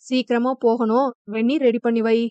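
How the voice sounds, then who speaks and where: A woman voicing a middle-aged village father who speaks in a steady, reasoning tone, on a dull lo-fi recording. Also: fairly high pitch, normal speed, no room sound, natural voice. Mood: firm. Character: father Paramasivam, calm village head.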